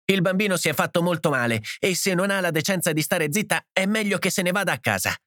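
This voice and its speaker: A furious housewife yelling in a shrill, frantic voice, played by a man. Her pitch leaps high and swings wildly as she shouts. The read sounds dry and close, with no room around it. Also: expressive, fast talker, no echo.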